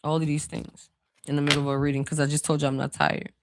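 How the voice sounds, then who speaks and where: Gravelly, chatty intuitive card reader. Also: medium pitch, flat delivery, quick pace, background noise. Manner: rambling and chatty, with many "you know" fillers; talks straight to viewers as "y'all". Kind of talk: casual spiritual card reading to viewers.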